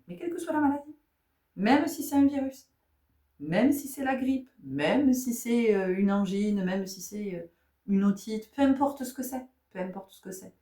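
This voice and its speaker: A woman with a mid-range, dark-toned voice leads a spiritual tarot guidance session, recorded far from the mic in an echoey room. She poses rhetorical questions, repeats phrases, and checks in with listeners often.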